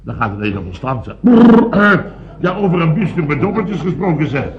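A man's voice: fairly high pitch, very animated, normal speed, muffled recording. An actor playing a fussy, pompous rich businessman in a radio comedy, blustering and exclaiming. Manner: blustering, exclamatory, self-mocking.

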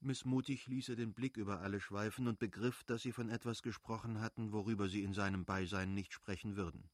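A man reading a novel aloud as an audiobook narrator, calm and measured. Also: fairly low pitch, no room sound, clean studio sound.

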